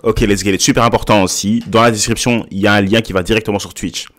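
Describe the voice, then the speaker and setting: A man commenting casually on a show clip he is watching, animated and dropping English phrases into his French. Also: on the low side, fast, background noise. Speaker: YouTuber reacting to a show.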